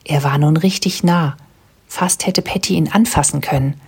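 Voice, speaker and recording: A woman reads a children's storybook aloud in a calm, even storytelling manner. Her voice sits low and has a husky, breathy grain. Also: moderate pace. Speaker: narrator. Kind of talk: scripted storybook narration.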